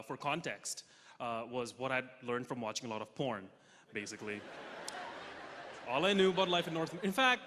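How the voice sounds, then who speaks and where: A young man from Russia doing a stand-up comedy set on stage, deadpan punchlines with sudden loud jumps. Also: a little high. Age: young adult. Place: large theatre stage with audience. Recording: hall reverb, faint noise.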